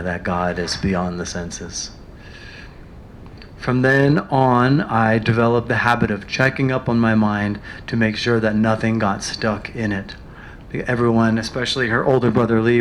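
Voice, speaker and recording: A man reads passages aloud, then stops to retell them in his own words with plenty of pauses and fillers. His throat sounds a little dry. A faint rumble hums behind him. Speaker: reader of a biography.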